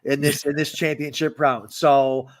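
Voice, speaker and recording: A man co-hosting a fantasy football podcast in casual banter, excitable and often stammering and repeating words. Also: a little high, unhurried.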